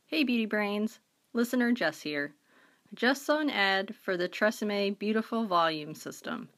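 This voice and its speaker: A woman who is a listener, leaving a short recorded message for a show. She talks in a brisk, friendly way at an ordinary middle pitch. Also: animated, a bit bright. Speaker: listener calling in.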